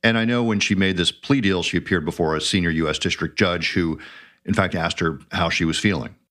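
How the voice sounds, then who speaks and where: A man hosting a true crime show, asking a reporter questions in a measured, conversational way. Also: sits low, a bit bright. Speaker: podcast host. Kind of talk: interview questions.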